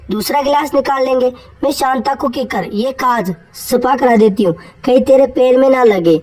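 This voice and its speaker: A woman's voice: high voice, recorded from a distance, low-quality recording. Woman doing a kind caring cartoon mother-in-law. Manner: warm, reassuring.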